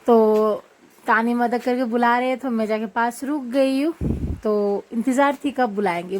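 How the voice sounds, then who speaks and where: A woman's voice: on the high side, darkish tone. A woman narrating her vlog in a casual, rambling voice-over full of fillers and restarts. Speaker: vlogger. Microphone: voice-over recorded after filming.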